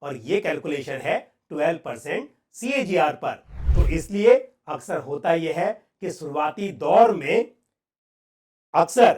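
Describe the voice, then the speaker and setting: A man with an Indian accent explaining personal finance to viewers, deliberately and with emphatic pauses. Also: fairly high pitch.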